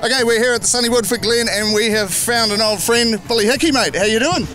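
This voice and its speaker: A man's voice: very high-pitched, fast talker, pushed and bright, soft background music. A man with a New Zealand accent hosting casual, upbeat sports interviews. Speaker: host and interviewer. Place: outdoors at a speedway track.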